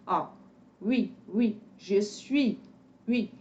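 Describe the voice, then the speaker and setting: A woman with a Brazilian Portuguese accent teaching French in a casual lesson, slowly repeating sounds to demonstrate them. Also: medium pitch, dark tone, muffled recording.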